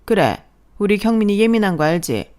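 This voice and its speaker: A woman's voice: medium pitch, big pitch swings, a little fast, a little mellow, close to an everyday voice. A woman voicing a nagging, sarcastic older mother-in-law who scolds as she speaks. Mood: scolding.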